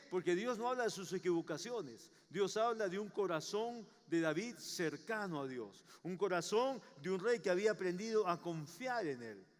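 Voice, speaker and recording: High-voiced man preaching in a reverberant hall. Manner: emphatic preaching with repeated rhetorical questions. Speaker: pastor. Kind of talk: sermon.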